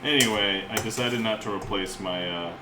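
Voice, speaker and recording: In his home kitchen, a livestreaming cook chats casually with viewers, rambling and frequently chuckling in a relaxed, low-side voice at a moderate pace. The background is noisy: the echoey room rings with clinking cutlery and loudly clattering pots and pans.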